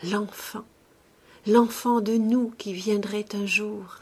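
A woman reading the lines of an aging man, murmuring them softly and sorrowfully in a breathy voice. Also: sits high, steady tone, slow pace, full character voice. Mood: tender sad. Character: aging man, tender, sad and doubtful.

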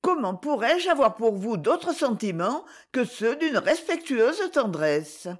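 A woman reader voicing a warm-hearted, quick-tempered young woman in a storybook. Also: sits low, sing-song, pitched below the performer's own voice, full character voice. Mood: tender.

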